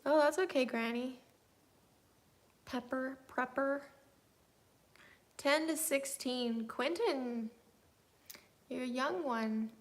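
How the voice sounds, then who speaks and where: A woman in her thirties hosts a laid-back livestream, answering viewer comments she reads out. Her voice is high, and she talks slowly with frequent pauses.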